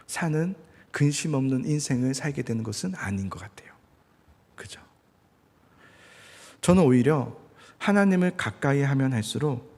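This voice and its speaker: A male pastor preaching in a conversational way, now and then acting out loud, angry prayers. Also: mid-range voice, breathy edge, in a large hall. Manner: conversational, acts out angry prayers with sudden shouts. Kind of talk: sermon.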